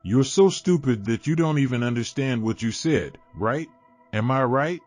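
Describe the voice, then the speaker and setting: A man's voice: mid-range voice, animated, moderate pace, faint music behind, close to an everyday voice. A man voicing an aggressive, mocking young male passenger in a horror story. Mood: taunting. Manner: taunting, belligerent.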